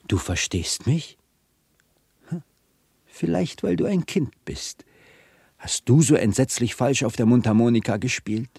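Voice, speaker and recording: An actor playing a gentle, sorrowful male prince statue in a radio play, speaking slowly and tenderly with a husky, gravelly voice. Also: mid-range voice, expressive, dry recording, studio quality, exaggerated voice. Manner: slow, tender and earnest.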